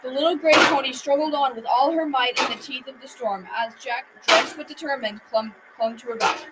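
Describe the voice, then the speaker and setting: Reading from a script, a girl around 12 or 13 narrates a folktale radio drama fairly quickly in a high-pitched voice close to her everyday one, occasionally stumbling. It was recorded noisily as an amateur school project.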